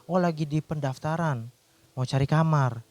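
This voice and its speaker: A man's voice: fairly high pitch, moderate pace, darkish tone, dry recording. A man, a doctor, telling a personal faith testimony in an earnest storytelling way, with restarts.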